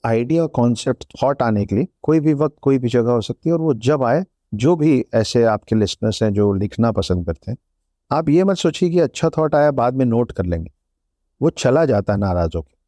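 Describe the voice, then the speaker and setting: Male author guest, earnest and measured, mellow tone, dry close sound. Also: mid-range voice, animated, no room sound. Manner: earnest, advice-giving, measured. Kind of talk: reflective interview talk, mixing Hindi and English.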